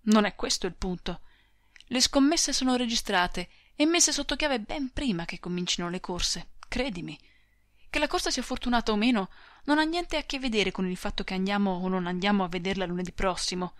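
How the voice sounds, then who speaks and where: A woman's voice: medium pitch, no room sound, clean studio sound, natural voice. A woman reading the part of a brusque young male soldier in an audiobook, speaking curtly and commandingly. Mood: impatient. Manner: curt, commanding, hurried.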